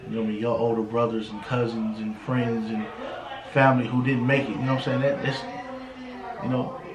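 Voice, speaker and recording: An American man in his 30s gives a casual motivational talk as an interview guest indoors in a house, peppering it with street slang and frequently saying "you know what I'm saying." His medium-pitched voice is flat and fairly quick, with a crowd in the background and a roomy, echoing sound.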